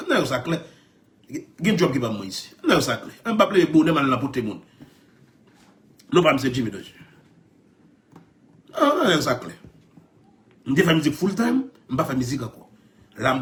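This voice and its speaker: A man with a Haitian Creole accent telling stories in animated chat, laughing often and repeating his phrases. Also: high-pitched.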